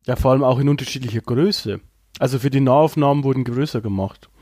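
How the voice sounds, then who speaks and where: A man's voice: mid-range voice, fast, warm tone, dry recording, studio quality. A man co-hosting a casual film podcast, talking in a rambling way with many fillers and restarts. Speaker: podcast co-host.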